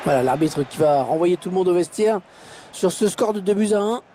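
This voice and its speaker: A man giving excited play-by-play football commentary for a video game, breaking into shouted calls at big moments. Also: sits high, brisk, background noise. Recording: loud stadium ambience behind voice.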